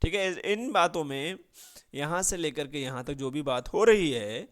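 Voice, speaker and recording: Male teacher for an exam-prep lesson, high-pitched, crisp, resonant delivery, constant check-ins with the class. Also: animated. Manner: drills with constant "right?" check-ins and rhetorical questions; reads out word lists slowly. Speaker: Urdu grammar teacher.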